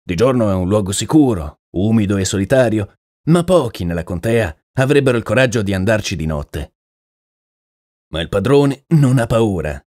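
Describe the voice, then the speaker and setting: A man's voice: fairly low pitch, animated, normal speed, a little mellow, no echo, clean studio sound, natural voice. A man voicing an earnest, uneasy male horse trainer in an audiobook, talking plainly and deferentially. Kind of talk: audiobook character reading.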